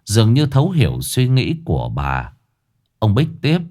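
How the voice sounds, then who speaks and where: A man narrating a ghost story in a dramatic, expressive way. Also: lowish voice, moderate pace.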